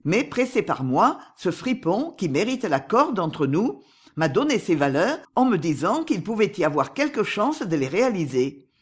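A narrator voicing a disguised male swindler, calm and commanding, in an audiobook with a husky voice. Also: mid-range voice, normal speed. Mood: smooth. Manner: calm, commanding, coolly persuasive. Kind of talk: audiobook character reading.

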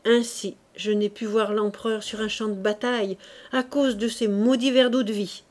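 A woman reading aloud, voicing a naive young male soldier in a storybook, speaking in hushed asides and eager pleas. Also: medium pitch, fairly even intonation, normal speed, natural voice. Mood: rueful.

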